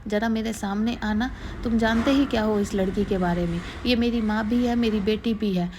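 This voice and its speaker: A woman voicing a sharp-tongued older mother-in-law who scolds and taunts, in a spoken storybook. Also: medium pitch, fairly even intonation, moderate pace, slight background noise, close to an everyday voice. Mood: fierce. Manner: nagging, scolding.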